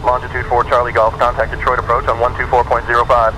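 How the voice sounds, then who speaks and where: A man's voice: mid-range voice, monotone, fast. A man working as an air traffic controller, giving formulaic instructions over aviation radio. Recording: noisy aircraft radio with engine drone.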